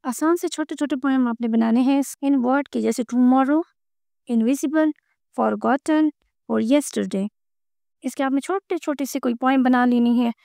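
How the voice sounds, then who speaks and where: A woman explaining a school textbook lesson, reading the English lines slowly and then explaining them in Urdu. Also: high-pitched, gravelly, mellow, dry recording, clean studio sound. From Pakistan. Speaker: teacher.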